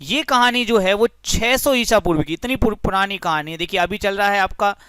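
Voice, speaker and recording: A man's voice: sits high, fairly quick, pushed and bright, smooth, no room sound, clean studio sound. A young man teaching a physics lesson through a story, friendly and explanatory, often addressing the listeners as friends.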